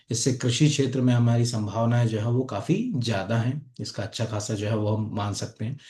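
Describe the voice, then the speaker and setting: A male coaching teacher talks students through exam-prep slides in a relaxed, conversational way. He keeps dropping little check-ins as he goes. His voice sits at an ordinary middle pitch and rings in a reverberant room. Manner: conversational, repeats fillers like "ठीक है" and "है ना". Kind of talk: lecture over on-screen slides. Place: academy classroom or studio.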